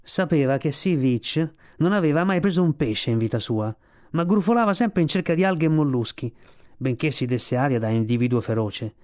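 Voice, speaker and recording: A man reading a storybook aloud for radio, in a steady, expressive storytelling voice. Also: on the high side, normal speed. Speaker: reader.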